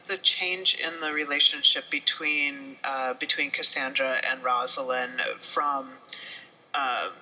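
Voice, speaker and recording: Very bright-voiced rambling woman co-host. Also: extremely low pitch, low-quality recording. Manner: rambling, filler-heavy, self-deprecating. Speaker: podcast co-host and reviewer. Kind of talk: casual podcast chat.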